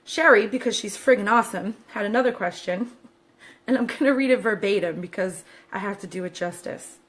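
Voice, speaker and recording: A woman's voice: medium pitch, a little fast, a bit bright. A woman fashion stylist answering viewer questions in a chatty, upbeat way, with many fillers and side remarks. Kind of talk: casual chat to camera.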